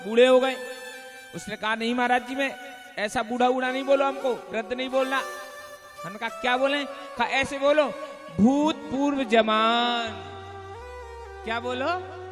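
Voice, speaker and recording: Male preacher, folksy storyteller, very high voice, live music under a reverberant hall sound. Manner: call-and-response, rhetorical questions, folksy storytelling. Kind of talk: devotional storytelling discourse.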